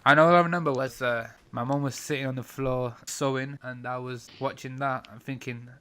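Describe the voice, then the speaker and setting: Young man, podcast co-host, casual chat, animated storyteller, middle pitch. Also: normal speed, clear, resonant tone.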